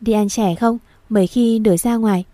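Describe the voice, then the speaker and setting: Storybook: a woman reading a calm reassuring young husband, warm tone, dry. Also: mid-range voice, brisk, dry recording, close to an everyday voice.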